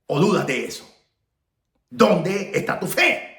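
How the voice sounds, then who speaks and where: A man preaching a fervent sermon, hammering on repeated rhetorical questions and sometimes shouting. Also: high voice, very animated, slow. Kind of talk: impassioned sermon. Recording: echoey room sound.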